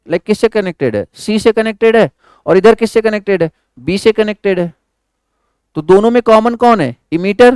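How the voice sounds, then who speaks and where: A man's voice: sits high, a little mellow, smooth, no echo, clean studio sound. A man teaching electronics in a classroom lecture. He keeps quizzing his students with repeated questions and mixes English terms into his speech.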